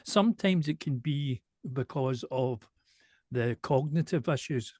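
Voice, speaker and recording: Glaswegian man, softened accent, slow and deliberate delivery, dry close recording, mid pitch. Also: no echo. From Glasgow, Scotland. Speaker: show presenter and singer, interviewee. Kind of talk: casual conversational interview.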